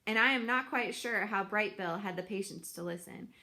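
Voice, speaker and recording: Reading a children's book aloud, a medium-pitched woman delivers it as dramatic storytelling, expressive and deliberate.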